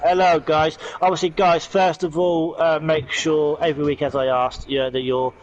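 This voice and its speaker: A man's voice: a little high, level tone, normal speed, highs cut off. A man hosting a league stream in casual, matey, informal chat.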